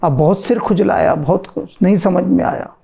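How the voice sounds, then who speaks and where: A man giving a slow, deliberate devotional talk as a spiritual teacher, answering a question and repeating phrases for emphasis. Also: high voice, gravelly, mellow, husky.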